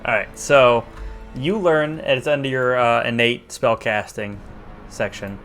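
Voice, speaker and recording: A man's voice: mid-range voice, a little slow, fairly bright tone, faint music behind. A man narrating a tabletop game as game master in a casual, conversational style. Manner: casual swearing.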